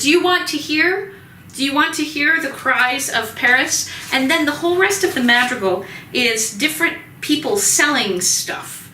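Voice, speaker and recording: A woman's voice: on the high side, pushed and bright, echoey room, recorded from a distance, a little hiss or hum, low-quality recording. A woman teaching music history in a chatty recorded lecture, with many ums, sometimes acting out the sounds in the music. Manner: chatty, many ums, voices vendor cries and hen clucks for fun.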